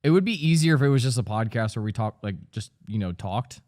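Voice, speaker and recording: Laid-back, low-voiced man in his thirties. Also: animated, fast talker, a little mellow. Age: 30s. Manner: laid-back, hesitant, searching for words. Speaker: podcast co-host. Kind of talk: casual podcast chat.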